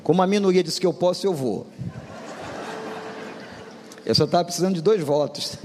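A man's voice: high-pitched, moderate pace, a little hiss or hum. A male pastor delivering a humorous storytelling sermon, speaking animatedly and addressing the congregation directly. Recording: long hall reverb with music behind.

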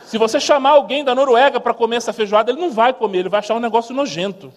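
A missionary speaker with a Brazilian Portuguese accent races through a funny church testimony in a very high voice. He narrates vividly and imitates sounds, and the audio has a big-room quality.

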